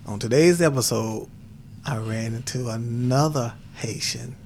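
Gravelly reflective male podcast host. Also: medium pitch, unhurried, a little mellow, a little hiss or hum. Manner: reflective, asks rhetorical questions. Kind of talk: casual podcast interview.

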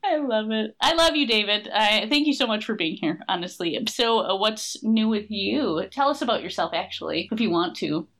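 A woman's voice: mid-range voice, lively intonation, normal speed, few pauses, a bit bright. A woman co-hosting a casual podcast, bubbly and reactive, often laughing along. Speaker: podcast co-host.

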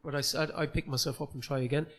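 A man's voice: fairly high pitch, steady tone, rapid-fire, a bit bright. Chatty Cork man in his forties. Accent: Cork Irish. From Ireland, Cork City. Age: 40s. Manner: earnest, self-deprecating, chatty. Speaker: comedian guest. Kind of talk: casual podcast chat. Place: comedy club recorded live.

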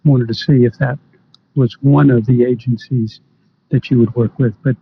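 A man's voice: mid-range voice, steady tone, normal speed, gravelly. A man asking casual questions and making motions as a committee member. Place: indoor committee meeting. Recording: dull meeting audio, faint noise.

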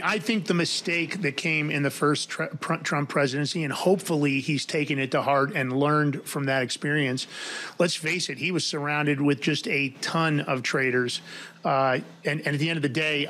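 A man hosting a political talk show, chatting casually and laughing as he reads headlines. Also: fairly high pitch. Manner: animated, laughs while reading. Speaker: podcast host.

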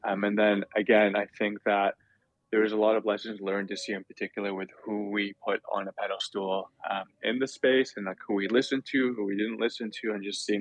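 A man's voice: lowish voice, no room sound, poor audio. A male podcast guest reflecting in a hedging way with many fillers. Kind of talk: casual chat.

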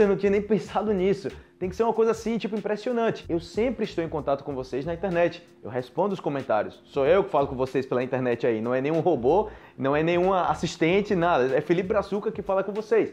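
A slightly high, somewhat mellow-voiced Brazilian man with a Brazilian Portuguese accent teaches Portuguese to foreigners. It's a casual teaching monologue where he chats, repeats himself, and speaks directly to his viewers.

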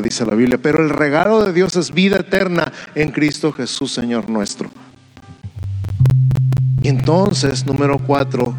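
A man preaching as a pastor, speaking in earnest, repetitive and slowly emphasized phrases during a church service sermon. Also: mid-range voice. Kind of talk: sermon with altar call prayer. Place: church service, streamed online.

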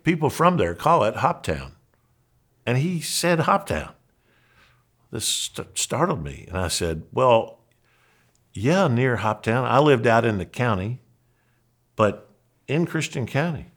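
A middle-aged man with a Southern accent from Kentucky, a pastor telling a personal story in an earnest, animated way with frequent restarts. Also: medium pitch, slow pace, long pauses. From Western Kentucky, USA. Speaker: pastor and podcast host.

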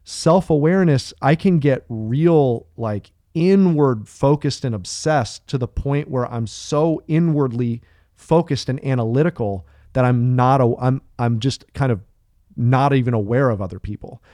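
A man's voice: mid-range voice, unhurried, dark tone, dry recording, clean studio sound. A man co-hosting a podcast, explaining ideas earnestly and thinking aloud with restarts and fillers. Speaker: podcast co-host. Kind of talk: casual podcast discussion.

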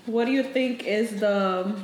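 A twenty-six-year-old woman, a podcast guest in a casual chat, joking in a low-key way. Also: measured pace, reverberant, noisy background.

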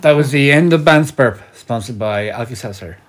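A man's voice: medium pitch, expressive, normal speed. A man with a west of Ireland accent, co-hosting a podcast in casual group banter. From west of Ireland (Sligo, Galway). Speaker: podcast co-host.

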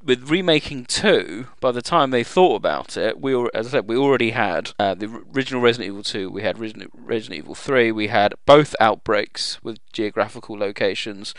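A man's voice: lowish voice, brisk, few pauses, fairly bright tone, clean tone, no room sound. A man hosting a casual group chat, talking informally and jokily into a close microphone. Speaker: quiz host and podcast panellist.

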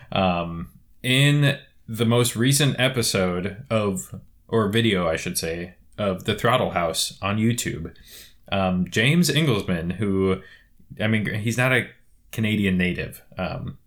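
A man's voice: on the low side, a bit bright. A man co-hosting a casual tech chat, joking and easygoing, with lots of ums. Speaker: podcast co-host.

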